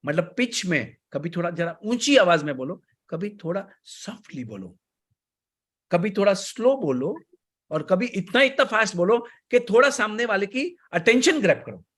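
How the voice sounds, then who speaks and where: Speaking Hindi mixed with English in an Indian accent, a man coaches an online class, purposely shifting his pace and volume and pausing after important points. His voice is high-pitched and very animated.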